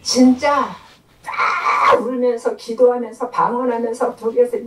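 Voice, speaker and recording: A woman's voice: a little high, level tone, unhurried. A woman giving an emotional testimony in church, speaking fervently and acting out prayers and voices. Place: church sanctuary. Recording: echoey church hall, mic far off.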